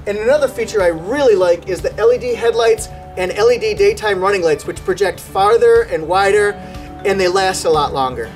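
A man's voice: high voice, fairly quick. Enthusiastic middle-aged man presenting cars. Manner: enthusiastic, salesy. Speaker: car reviewer. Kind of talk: upbeat car walkaround presentation. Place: outdoor race track. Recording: music bed under voice.

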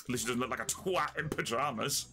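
A man giving live gameplay commentary, excitable and swearing often, with loud bursts of laughter. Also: mid-range voice, fast talker, faint music behind. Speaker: let's play streamer.

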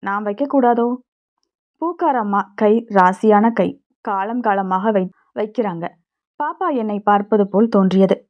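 Brief: woman audiobook narrator, steady measured storytelling, mid pitch, dull lo-fi sound. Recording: dull lo-fi recording.

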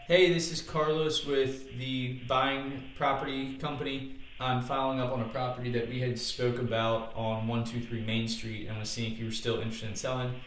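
Man leaving a voicemail, polite sales follow-up, mid-pitched voice, echoey room. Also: fairly bright tone, a little hiss or hum. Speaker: software demo presenter. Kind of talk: leaving a voicemail for a seller lead.

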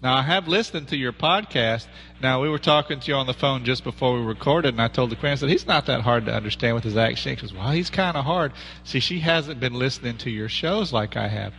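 A man's voice: mid-range voice, a little fast, vocal fry, fairly bright tone, a little hiss or hum, rough recording. A man with a Texan accent hosting a podcast interview in a folksy, jokey way. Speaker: podcast host. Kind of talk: casual interview chat.

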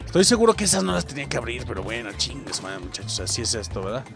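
A man's voice: mid-range voice, very fast, creaky, over music. A young man with a Mexican accent giving casual let's-play commentary, swearing and yelping at his mistakes and talking straight to his viewers. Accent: Mexican Spanish. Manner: excitable, swears and yelps at mistakes, talks to viewers. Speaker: gameplay streamer.

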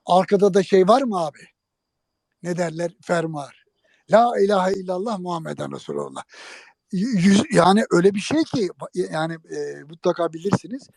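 A guest spins an old prank anecdote for an interviewer, joking and animated while addressing the audience directly. His high voice moves fairly quickly with some vocal fry, and the recording is dry.

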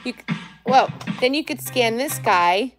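A woman's voice: on the high side, animated, measured pace. A woman, chatty and girlish, gushing casually as she hosts a toy and candy unboxing vlog. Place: indoors at home, by a tabletop.

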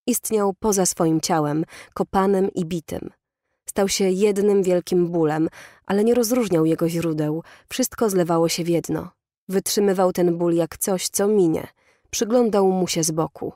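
Low-voiced woman narrating an audiobook. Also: mellow, no room sound, clean studio sound. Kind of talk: scripted narration.

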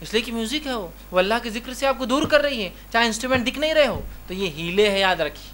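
A man's voice: extremely high pitch, lively intonation, a bit bright. A man from India speaking, giving a religious lecture full of rhetorical questions and repeated reminders to remember the point. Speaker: Islamic lecturer.

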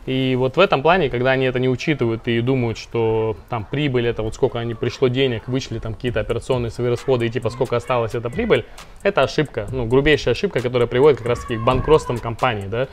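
A man's voice: medium pitch, quick pace, slight background noise. A man, founder of a finance company, explaining money matters in a casual interview with lots of fillers and restarts.

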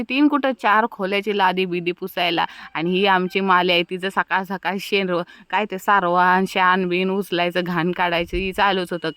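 A young woman tells her village day in a lively, playful vlog. Her voice is smooth and clear, recorded close and dry. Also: medium pitch, dry recording. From Maharashtra, India. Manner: chatty, playful storytelling with village slang. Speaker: vlogger. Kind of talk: casual vlog narration.

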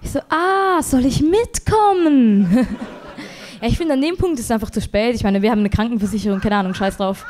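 A woman's voice: lively intonation, darkish tone. A young woman performing a rambling, self-deprecating stand-up set on a comedy club stage. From Switzerland. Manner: rambling, self-deprecating, quick jumps in pitch when exasperated.

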